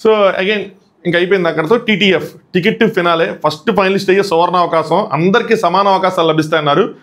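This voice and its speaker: A man's voice: high voice, fast talker, fairly bright tone. A man giving casual commentary as a TV show reviewer, recapping in a chatty way that mixes in English words. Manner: acts out quoted lines from the show.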